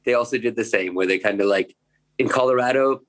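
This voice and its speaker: A man's voice: mid-range voice, brisk, fairly bright tone, low-quality recording. A man in his thirties from the United States, chatting casually on a podcast, rambling with lots of fillers and swearing. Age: 30s. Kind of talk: casual chat.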